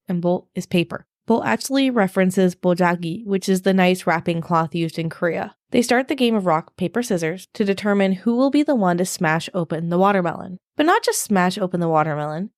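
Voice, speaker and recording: Woman, low voice, scripted true crime narration, measured and explanatory, dry close sound. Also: a little mellow, no echo. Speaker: podcast host.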